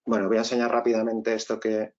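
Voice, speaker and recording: A man's voice: fairly low pitch, monotone, fast, darkish tone, highs cut off. A man with a Spain Spanish accent presenting an online tech tutorial, explaining step by step and often checking in with the audience. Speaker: webinar presenter.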